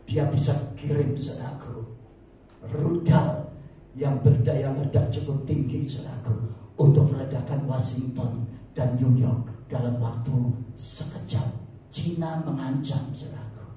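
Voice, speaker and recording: A man preaching a sermon as pastor, dramatic and repetitive, acting out shouts from his stories. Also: medium pitch, fairly even intonation, a little slow, slight background noise. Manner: dramatic preaching, repeats "saudaraku", acts out shouts. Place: church hall. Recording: very echoey hall, voice from far off.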